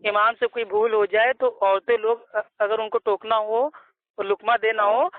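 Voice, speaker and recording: Brief: very high-pitched male debater, combative and mocking, tinny phone-line sound. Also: flat delivery, moderate pace. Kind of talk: heated religious debate.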